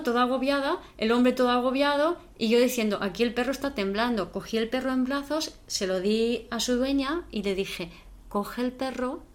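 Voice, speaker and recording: A woman in casual conversation, telling a story and explaining ideas with acted-out quotes and frequent "¿vale?" check-ins. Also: fairly high pitch. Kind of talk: conversational talk on emotional regulation.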